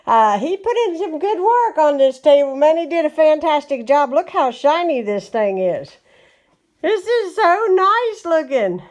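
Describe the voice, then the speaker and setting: A woman's voice: high-pitched, big pitch swings, a little slow. A woman with a West Virginian accent, chatting casually at home as she shows off a wood-care job and recommends the product. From West Virginia, USA. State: a bit out of breath. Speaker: home vlogger. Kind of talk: casual chat. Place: home, indoors.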